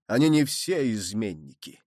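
A man's voice: on the low side, very animated, normal speed, darkish tone, no echo, clean studio sound, voice pushed down. A man voicing a proud, beleaguered king on a battlefield in an audiobook reading, declaiming with grave emotion.

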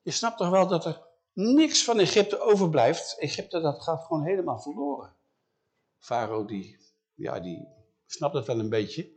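A man telling a Bible story for children in a lively way, talking directly to his listeners. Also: fairly high pitch, a little slow. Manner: lively, talks straight to listeners.

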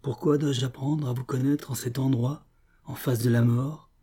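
A man voicing a young captive Russian officer, earnest and soft-spoken. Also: mid-range voice, fairly even intonation, normal speed, husky, pitched above the performer's own voice.

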